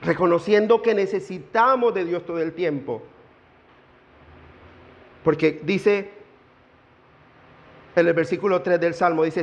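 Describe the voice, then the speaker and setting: High-voiced preaching man in a reverberant hall. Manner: earnest preaching, slowing down for emphasis. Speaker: pastor. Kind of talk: sermon. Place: church sanctuary. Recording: dull lo-fi church hall with long reverb.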